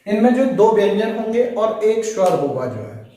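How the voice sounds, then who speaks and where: A man's voice: high-pitched, very animated, moderate pace, dark tone. A man teaching a Hindi grammar lesson in an earnest, repetitive lecture style, often addressing his dear students. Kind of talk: classroom lecture. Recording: very echoey room, voice far from mic.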